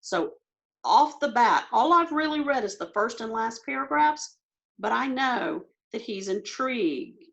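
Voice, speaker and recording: Fast-talking woman teacher on a video call. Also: on the high side, lively intonation, gravelly, a bit bright, dull audio. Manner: quick, self-talking teacher walking through answers aloud. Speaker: test prep teacher. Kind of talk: recorded online lesson.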